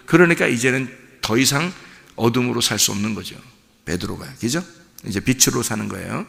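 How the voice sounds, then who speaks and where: A man's voice: mid-range voice, creaky, sharp tone. A male pastor preaching a sermon, often checking in with the congregation through rhetorical questions. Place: church sanctuary. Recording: long church hall reverb.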